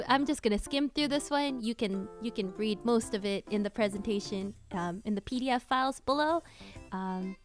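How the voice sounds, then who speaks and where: Bubbly, giggly woman streamer, light voice. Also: a little high. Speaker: cover singer and streamer. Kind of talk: casual livestream Q&A.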